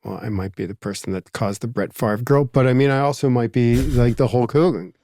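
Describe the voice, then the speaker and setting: A Philadelphia-accented man hosting a podcast, thinking out loud in long, looping sentences full of asides. His voice sits at an ordinary middle pitch. The sound is close and dry, with no room echo. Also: brisk. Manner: reflective, rambling, many asides and fillers. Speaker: podcast host. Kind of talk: casual conversation.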